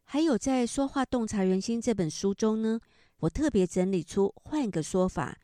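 A middle-aged woman, an author and counselor, gently explaining ideas and telling a story about a book. She speaks in an explanatory manner with drawn-out particles at the ends of phrases. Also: medium pitch, lively intonation, no room sound, studio quality.

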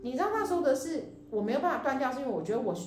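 A woman co-hosting a podcast with a Taiwanese Mandarin accent, telling a personal story in a rambling, animated way with quoted dialogue. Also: sits high, very fast. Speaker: podcast co-host. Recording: echoey room with faint music.

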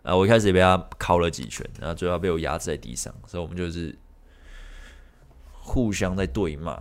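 A man's voice: deep voice, lively intonation, a little fast. A man hosting a podcast, telling a personal story in a rambling, frank way and swearing freely. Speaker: podcast host.

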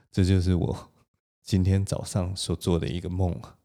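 A man with a Taiwanese Mandarin accent, telling a story on his own podcast in a lively way and laughing now and then. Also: low voice, gravelly. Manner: animated, laughs between lines. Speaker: podcast host. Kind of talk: solo storytelling.

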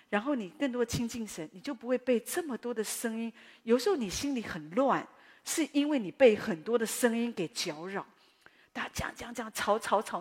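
A woman pastor with a Taiwanese Mandarin accent, preaching a sermon in a chatty, storytelling way with animated asides. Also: medium pitch, long reverb tail.

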